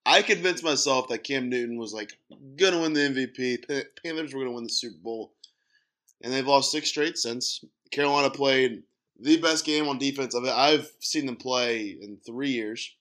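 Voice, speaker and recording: A man's voice: medium pitch, moderate pace. A man co-hosting a casual sports podcast, getting fired up and ranting. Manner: animated, gets fired up and rants. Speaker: podcast co-host.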